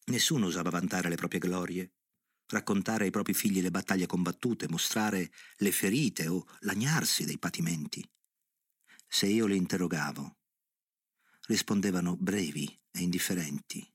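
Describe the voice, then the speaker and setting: A middle-aged man reading a novel aloud in a measured, grave narrating voice. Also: low voice, no room sound, studio quality.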